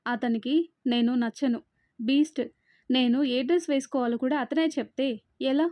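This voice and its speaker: Storybook figure: a sharp-tongued young wife who scolds and complains in a fairly high, mellow voice, as a woman reads her. The recording is dry and close. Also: steady tone, normal speed, no room sound, natural voice. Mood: upset. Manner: sassy, scolding.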